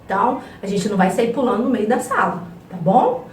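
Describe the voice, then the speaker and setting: A Brazilian woman teaching a review lesson to young children, stretching words out slowly and playfully. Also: mid-range voice, expressive, echoey room, distant mic, a little hiss or hum. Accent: Brazilian Portuguese. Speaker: primary school teacher.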